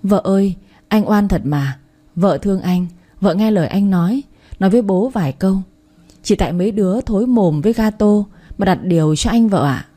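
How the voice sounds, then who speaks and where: A scheming, pleading son-in-law in a storybook, read by a woman narrator. He wheedles and begs in a mellow, warm voice that stays close to the reader's own. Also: mid-range voice, normal speed, lightly acted.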